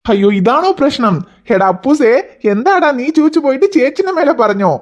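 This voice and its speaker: Cartoon dad, lively and reassuring, mock-scolding, voiced by a woman, dull lo-fi sound. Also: sits high, fairly quick. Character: cartoon father, gentle and scolding. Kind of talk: cartoon voice acting.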